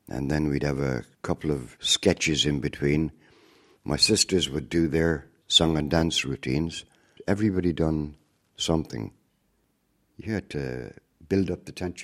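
An older Irish man, a former circus performer, telling family memories in an unhurried storytelling way. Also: a bass voice. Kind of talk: reminiscing interview narration.

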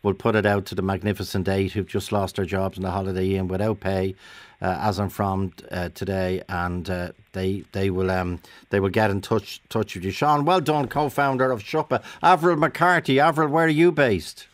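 An Irish man hosts a live radio phone-in, speaking briskly and chattily into a studio microphone and often restarting his sentences. His voice sits low with a steady tone, and there's no echo.

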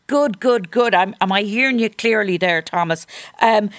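A woman's voice: medium pitch, normal speed, dry recording. An Irish woman presenting on radio and interviewing in a conversational, engaged way. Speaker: radio host. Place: radio studio.

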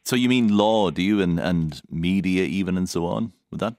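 An Irish man co-hosting a radio show, putting informal questions in a halting way and rephrasing as he goes. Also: low voice, darkish tone, slight background noise. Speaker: radio co-host. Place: dry radio studio.

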